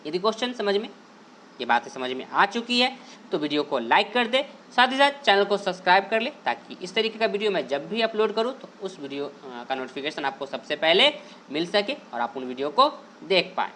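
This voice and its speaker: A man's voice: high-pitched, sing-song, pushed and bright, a little hiss or hum. Man teaching grammar, asking and answering himself. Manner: asks a question and answers it himself, repeats key points; drawls out key words slowly to stress them. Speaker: online English teacher. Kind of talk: explaining a grammar lesson over on-screen slides.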